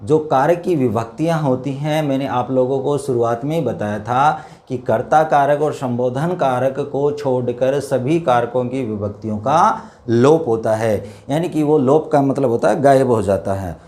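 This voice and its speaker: A man teaching a Hindi grammar lesson, explaining step by step, repeating words slowly and addressing his viewers as dear children. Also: medium pitch, warm tone. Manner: slow, repetitive explanation with drawn-out words. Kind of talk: classroom lesson.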